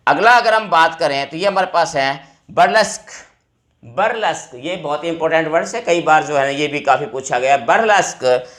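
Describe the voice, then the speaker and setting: A male teacher explaining vocabulary words to exam students, repeating each word slowly. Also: a little high, a bit bright.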